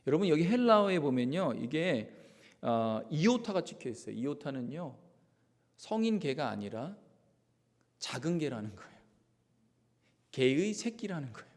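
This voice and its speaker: A man's voice: a little high, sing-song, normal speed, long pauses, a little mellow. A male pastor preaching a Sunday sermon with emphasis and drama, acting out the voices of the people he talks about, recorded in a church sanctuary. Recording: long church-hall reverb.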